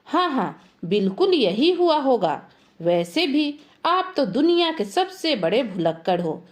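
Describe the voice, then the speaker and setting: Woman playing a village wife, sarcastic, teasing, high bright pitch. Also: big pitch swings, exaggerated voice. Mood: taunting. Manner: rapid-fire questions, sarcastic.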